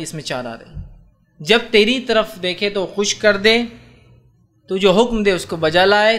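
A man preaching a sermon on hadith, animated and often asking his listeners whether they follow. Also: fairly high pitch. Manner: animated, asks listeners rhetorical questions. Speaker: Islamic preacher.

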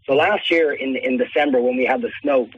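A man, a restaurant owner and chef, answering radio interview questions with quick, enthusiastic stories. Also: medium pitch, slightly rough, dry recording, lo-fi sound.

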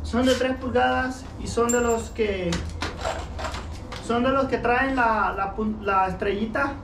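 A man's voice: very high voice, takes it slowly. Man explaining carpentry in a noisy, echoey yard. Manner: explains step by step, checks in with frequent "ok?". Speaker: home repair vlogger. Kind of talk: casual how-to narration. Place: outdoor workshop by a shed.

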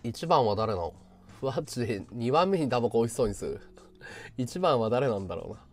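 Animated, combative male livestreamer. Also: mid-range voice, brisk, soft background music. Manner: combative, sarcastic ranting. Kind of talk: casual livestream chat answering viewer comments.

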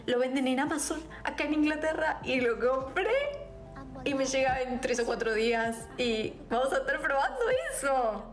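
A young woman with an Argentine Spanish accent, telling a story to her viewers in a casual, slangy and animated way. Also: high-pitched, normal speed, faint music behind. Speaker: vlogger.

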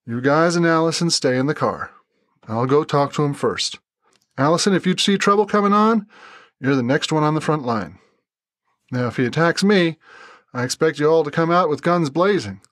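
A man voicing a slight young man with a soft Texan accent who speaks calmly and politely. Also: fairly high pitch, dry recording, studio quality, pitched above the performer's own voice. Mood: planning. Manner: calm, polite, measured.

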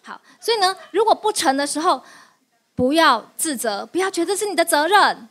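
A middle-aged woman pastor preaching a sermon in a lively, playful way, asking the congregation questions and laughing along. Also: extremely high pitch, normal speed.

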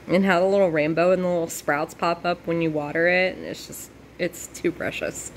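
Gushing low-voiced woman gaming host. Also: fairly even intonation, moderate pace, slight background noise. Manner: bubbly, gushing, heavy use of "like". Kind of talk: casual gameplay commentary.

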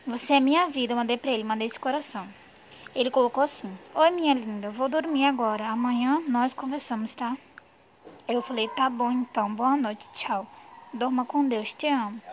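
High-voiced young Brazilian woman vlogger. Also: a little hiss or hum. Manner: animated, reads out chat messages. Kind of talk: casual storytelling to viewers.

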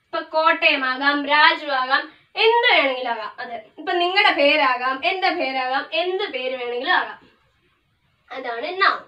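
A woman English teacher explains grammar, mixing in English terms and slowing down to spell out each definition. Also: sits high, expressive, bright, forceful tone, muffled recording. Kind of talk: classroom grammar lesson. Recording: echoey room, voice from a distance.

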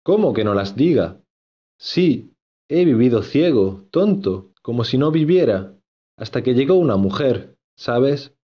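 A man playing an earnest, lovesick young gentleman in a storybook, insistent and given to repeating himself. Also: mid-range voice, big pitch swings, measured pace, slightly rough, dull audio, voice pushed up.

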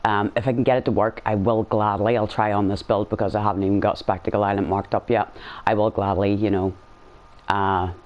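Low-voiced man rambling over a game. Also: flat delivery, a little fast, darkish tone. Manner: rambling, blunt, slangy. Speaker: gaming video host. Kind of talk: casual game commentary.

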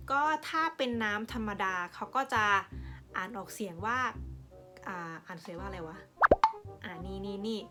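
A woman's voice: mid-range voice, bright, forceful tone. A woman giving a casual, playful product review as a vlogger. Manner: chatty and playful, sprinkles sweet sentence endings. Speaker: vlogger reviewing a Japanese drink.

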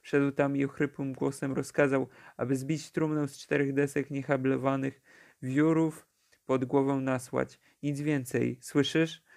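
A man narrating a classic novella for an audiobook, in a steady, measured reading. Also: mid-range voice, gravelly. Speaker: audiobook reader.

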